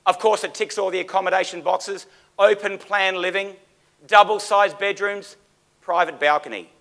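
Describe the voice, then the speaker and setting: A man's voice: high-pitched, fairly bright tone. A man speaking as an auctioneer, with formal, theatrical delivery and dramatic emphasis. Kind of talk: auctioneer's performance: theatrical sales pitch and bid calling.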